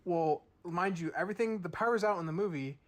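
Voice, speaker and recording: Young male podcast co-host, slightly high voice, loose and profane storyteller. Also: fast talker. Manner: loose storytelling, swearing freely, acting out quotes. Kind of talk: casual chat.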